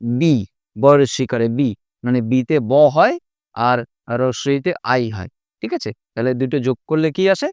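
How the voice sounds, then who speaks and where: A man teaching an English pronunciation lesson, repeating each sound slowly and often checking that his students follow. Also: mid-range voice, big pitch swings, clean tone, no echo, clean studio sound. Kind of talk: spoken language lesson.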